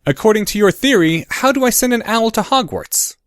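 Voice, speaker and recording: A man's voice: sits high, lively intonation, brisk, no echo, studio quality, pitched above the performer's own voice. Man doing an eager, insistent clever boy. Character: earnest, stubborn clever young boy. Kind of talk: audiobook character voice.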